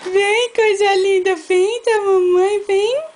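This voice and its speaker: Mom, high bright voice, slow cooing baby talk into a phone camera. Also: female voice, fairly even intonation, a little hiss or hum. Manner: cooing, sing-song baby talk with frequent laughter. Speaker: mother filming her baby. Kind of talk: home video baby talk. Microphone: handheld phone camera.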